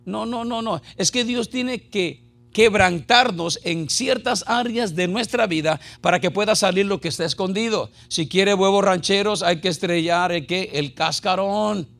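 Male pastor, raspy gravelly tone, preaching with rhetorical questions and humor to a church congregation. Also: sits high, a bit bright. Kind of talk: Spanish-language sermon with call-and-response.

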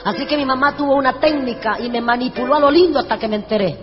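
High-voiced woman preaching with humor. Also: fast talker. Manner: animated, humorous, acts out dialogue. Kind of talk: storytelling sermon. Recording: echoey hall, dull sound, music behind.

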